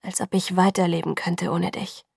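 A woman reading the lines of an intense, remorseful young man in love, soft, hushed and pleading. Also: lowish voice, little pitch movement, normal speed, creaky, breathy edge, dry recording, clean studio sound, exaggerated voice.

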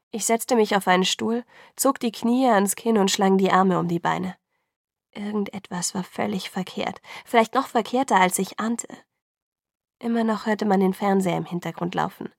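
A woman narrating a first-person novel as an audiobook, in a soft, subdued reading. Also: medium pitch, vocal fry, no echo, clean studio sound.

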